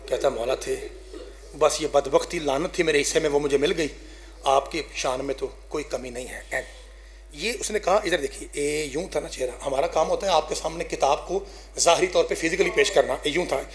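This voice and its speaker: A man, a zakir giving an emotional mourning recitation, rising to loud high cries and sinking to hushed near-whispers while urging the audience on. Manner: addresses the audience directly, urging them to weep.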